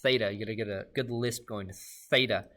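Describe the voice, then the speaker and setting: A man giving a recorded math lesson, upbeat and talking straight to his students with quick questions. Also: on the low side, steady tone, fairly bright tone. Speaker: math teacher.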